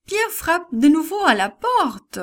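A woman voicing an eager young servant girl in a children's Bible story, calling out in a high, breathless voice. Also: sing-song, takes it slowly, exaggerated voice. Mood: insistent. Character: excited young servant girl Rhoda, joyful and insistent.

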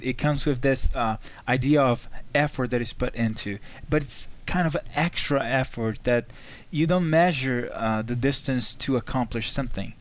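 A man from Brazil on a panel, explaining with hesitations as he searches for words. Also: medium pitch. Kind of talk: discussion.

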